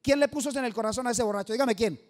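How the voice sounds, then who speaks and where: Racing along in a very high voice, a man preaches an evangelistic sermon at a church service in front of a live audience. He is emphatic and keeps quizzing the congregation for answers.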